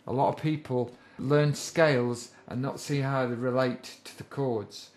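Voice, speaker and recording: A man's voice: mid-range voice, steady tone, a little slow, darkish tone. A man giving a casual guitar theory lesson, chatty, encouraging and a little self-deprecating as he talks students through chord shapes. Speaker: guitar teacher. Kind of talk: casual spoken music lesson.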